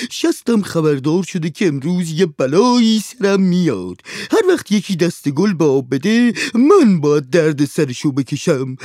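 A man's voice: a little high, mellow, no echo, clean studio sound, voice pushed up, lightly acted. A man voicing a lazy male servant who moans and complains in a storybook reading. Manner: moaning, complaining.

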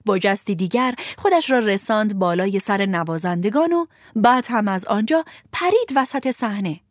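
A woman narrating a children's storybook in an expressive voice, at times soft and half-whispered. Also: mid-range voice, no echo, clean studio sound.

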